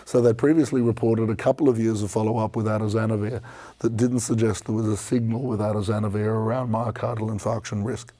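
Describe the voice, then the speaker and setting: A man with a croaky, hoarse voice gives an expert medical review. His delivery is even and measured, with little swing in pitch and a soft, mellow tone. He sounds like a presenter explaining research findings. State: croaky from a strained voice this week.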